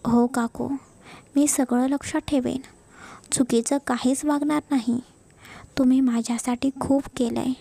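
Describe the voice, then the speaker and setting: Woman reading a soft sweet young bride, high and gravelly. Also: steady tone, unhurried, long pauses, heavily acted. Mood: tender. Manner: soft, obedient. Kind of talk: storybook narration.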